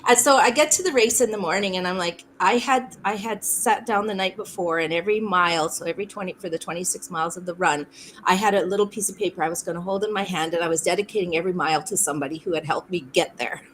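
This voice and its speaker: A woman from Saskatchewan telling a long personal story as a podcast guest, animated, often laughing and acting out quotes. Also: fairly low pitch, fast, a little hiss or hum, rough recording. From Saskatchewan, Canada. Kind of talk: storytelling in a conversation.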